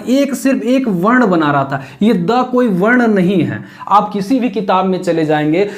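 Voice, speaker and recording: Male teacher with a high voice. Methodical classroom explainer who repeats key points. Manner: asks questions and answers them himself. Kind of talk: classroom-style lesson.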